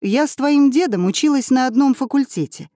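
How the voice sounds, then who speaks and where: Woman doing an older female teacher, calm, kindly, brisk, lively up-and-down pitch, dry close sound. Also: no room sound. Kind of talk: audiobook character voice.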